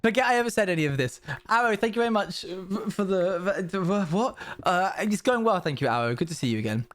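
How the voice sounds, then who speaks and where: A man's voice: sits high, lively intonation, brisk, a bit bright. A young man streaming live, telling rambling stories to his viewers with self-aware asides. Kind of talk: casual chat with viewers.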